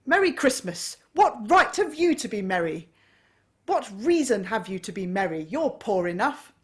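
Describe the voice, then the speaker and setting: Grumpy stingy old man snapping and scoffing loud, a lady reading him out, pitched up and forceful. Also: big pitch swings, unhurried. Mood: scornful. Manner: snapping, indignant outbursts. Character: bitter, miserly old man, stern and scornful.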